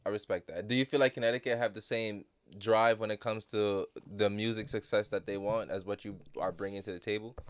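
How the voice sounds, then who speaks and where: A man's voice: on the low side, fairly even intonation, fairly quick, few pauses, clean tone, dry recording. A man hosting a podcast, brash and joking, cursing freely. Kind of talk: casual podcast chat.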